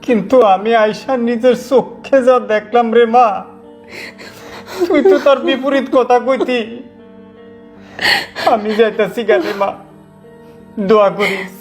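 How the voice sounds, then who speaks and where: Man acting as a frail old father, gentle, grieving, soft music behind. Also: sits high, steady tone, measured pace, long pauses. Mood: tearful. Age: older. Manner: sorrowful, pleading, tender. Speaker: wife's ailing father. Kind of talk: short-film acting.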